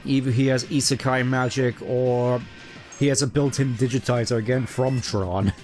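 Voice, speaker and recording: A man's voice: mid-range voice, steady tone, moderate pace, darkish tone. A man giving casual live game commentary as a streamer, musing and rambling wryly. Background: game music.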